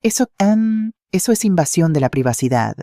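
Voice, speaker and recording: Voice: mid-range voice, very animated, moderate pace, mellow, no room sound, studio quality, pitched above the performer's own voice. A storyteller voicing a scheming young woman who speaks with thinly veiled venom. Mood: sneering. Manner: mocking, accusing.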